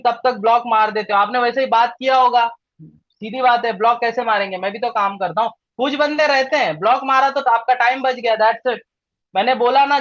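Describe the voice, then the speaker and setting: A man coaching trainees in a live session, talking directly and checking in often with a quick question. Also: extremely high pitch, dry recording, muffled recording. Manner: direct, coaching, repeats "ठीक है?". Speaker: digital marketing trainer.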